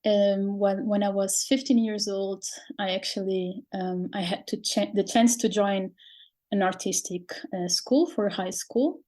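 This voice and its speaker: A woman's voice: medium pitch, fairly even intonation, measured pace, warm tone. Hesitant Portuguese woman guest. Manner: hesitant, many fillers and restarts, laughs often. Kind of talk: interview conversation.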